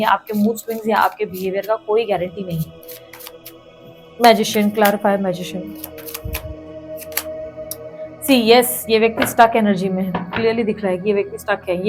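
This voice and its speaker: Woman giving an emphatic tarot reading. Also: mid-range voice. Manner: speaks straight to the viewer, repeats points for emphasis; calls on the universe between cards. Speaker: tarot card reader.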